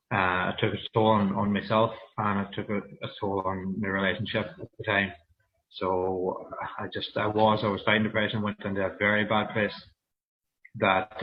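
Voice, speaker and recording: Donegal guy chatting on a livestream, lowish voice, pretty flat, halting n honest, dull lofi audio. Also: a little hiss or hum. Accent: Donegal Irish. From Donegal, Ireland. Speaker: interview guest, fitness programme client. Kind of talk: casual personal interview on a livestream. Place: online video meeting. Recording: muffled, lo-fi video call audio.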